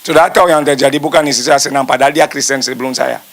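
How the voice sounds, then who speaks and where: A middle-aged pastor delivers a storytelling testimony sermon, his volume swinging between loud and soft as he speaks directly to the congregation. His voice is medium in pitch and steady in tone, and he talks quickly.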